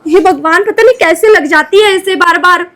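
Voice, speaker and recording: A woman's voice: extremely high pitch, normal speed, fairly bright tone. A young woman playing a worried mother in a home family vlog skit, fussing over her child and repeating her name.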